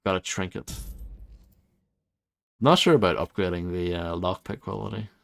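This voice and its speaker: A man's voice: sits low, moderate pace, vocal fry, fairly bright tone. A man giving casual gameplay commentary as he plays. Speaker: game streamer. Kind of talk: casual gameplay commentary, reading game text aloud.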